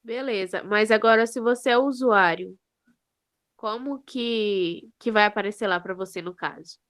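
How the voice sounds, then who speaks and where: A woman's voice: mid-range voice, moderate pace, fairly bright tone. A woman with a mid-range voice, speaking as a student during a lesson. She asks curious follow-up questions to make sure she understands. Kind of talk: classroom questions.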